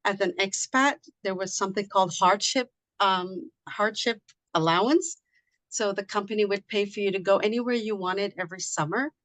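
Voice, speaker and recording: A middle-aged woman from Liberia talks with an easy, chatty flow, full of fillers and restarts. Her voice sits at an average pitch. The sound is close and dry, with no room around it. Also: normal speed, fairly bright tone, dry recording, rough recording. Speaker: guest, immigration consultant. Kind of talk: casual interview.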